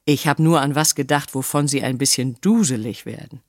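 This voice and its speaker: A woman's voice: extremely low pitch, normal speed, no echo, studio quality. A woman voicing a simple, chatty man who sells cat food, rambling along enthusiastically and naively, in an audiobook reading. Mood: gushing. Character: simple, chatty working-class man, cat's-meat seller.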